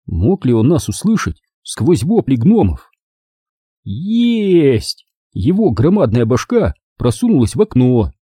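Animated husky male storyteller. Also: medium pitch, dry recording, clean studio sound. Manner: animated, expressive reading. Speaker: audiobook reader. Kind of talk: first-person storybook narration.

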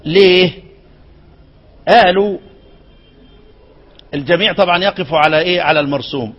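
An older man with an Egyptian accent teaching Quranic readings, quizzing his students and chanting quoted verses slowly. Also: high-pitched, a bit bright. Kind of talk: classroom lesson on Quranic readings.

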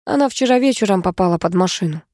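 A woman's voice: medium pitch, expressive, quick pace, darkish tone, no room sound, studio quality, natural voice. A woman voicing a tired, stout middle-aged woman who speaks in a sighing, level way. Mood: weary.

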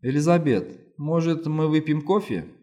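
A man reading a calm, gentle male friend. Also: fairly high pitch, unhurried, voice pushed up, natural voice. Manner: soft, composed. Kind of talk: audiobook reading.

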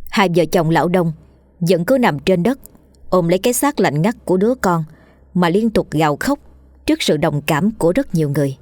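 A woman narrating a horror story in a steady storytelling manner. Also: fairly low pitch, brisk, dry recording, clean studio sound.

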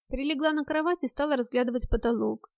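A woman's voice: high-pitched, fast, vocal fry, darkish tone, dry recording, clean studio sound. A woman narrating a first-person audiobook in a wry, ironic manner.

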